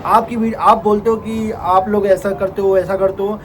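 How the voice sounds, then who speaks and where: A man's voice: sits high, flat delivery, moderate pace, slight background noise, rough recording. A man vlogging about his day who turns to earnest, indignant rhetorical questions. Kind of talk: casual vlog monologue.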